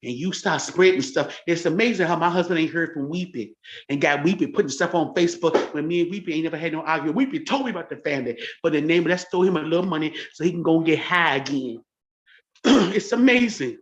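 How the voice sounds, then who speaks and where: A woman's voice: low-pitched, fairly quick, muffled recording. A woman in her forties talking straight to camera in a confrontational rant, taunting and repeating herself. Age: 40s. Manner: taunting, repetitive, boastful. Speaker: church livestream host.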